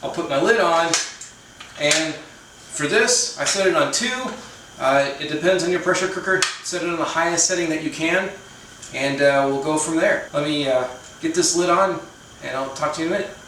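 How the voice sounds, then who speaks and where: A man talking through a home cooking vlog, slightly high-pitched, with dry, self-mocking humor. He sounds a little away from the mic in a very echoey kitchen, with faint noise underneath. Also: normal speed, far from the mic. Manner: dry self-deprecating humor, chatty asides. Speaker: cooking channel host.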